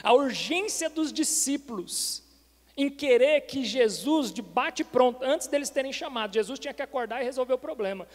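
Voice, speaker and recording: A man's voice: very high voice, lively intonation, moderate pace, big-room sound. A man preaching a sermon as pastor, asking rhetorical questions and calling the congregation brothers. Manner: preaching with rhetorical questions, repeatedly addressing "irmãos". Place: church hall.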